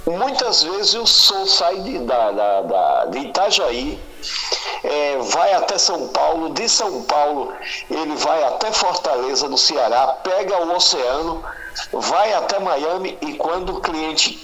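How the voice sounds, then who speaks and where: A man's voice: fairly high pitch, animated, a little slow, a bit bright, rough recording. A man calling in by phone, heard over a speakerphone, patiently explaining something with everyday comparisons. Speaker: radio guest on the phone. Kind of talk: explaining by phone in casual conversation.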